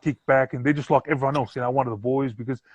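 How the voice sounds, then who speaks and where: A man's voice: mid-range voice, fairly even intonation, racing, breathy edge, dry recording, highs cut off. A man with a broad New Zealand accent hosting a casual interview, speaking in slangy, affirming phrases and often saying bro. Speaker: podcast host and interviewer. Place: remote live-stream call.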